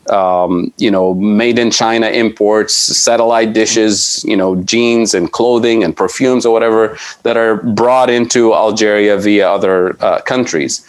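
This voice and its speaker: A middle-aged man from Tunisia speaks in a slightly low voice as an economics guest on a podcast. He explains at length in a thoughtful, conversational way. He often restarts phrases and leans on fillers as he builds his points.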